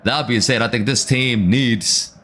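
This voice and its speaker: A man's voice: mid-range voice, normal speed, a bit bright, a little hiss or hum. A man hosting a live football watchalong, talking casually to his chat in slang and reading out viewer comments. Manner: reads out viewer comments between reactions. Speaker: watchalong stream host.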